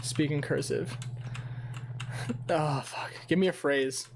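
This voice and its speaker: A man's voice: fairly high pitch, fairly even intonation, slow pace, vocal fry, noisy background. A young man streaming a game, talking in a rambling, profane and self-mocking way to his viewers. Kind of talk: casual livestream gaming chat.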